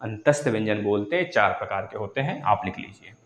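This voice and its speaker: A man's voice: on the low side, expressive, fairly quick, dull audio. A male teacher giving an online exam-prep lesson, explaining step by step and repeating key terms for students to write down. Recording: echoey room.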